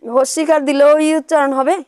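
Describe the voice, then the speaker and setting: A woman teaching young children to spell, sounding out letters slowly in a sing-song way and often asking them questions. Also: high voice, steady tone, darkish tone, no room sound.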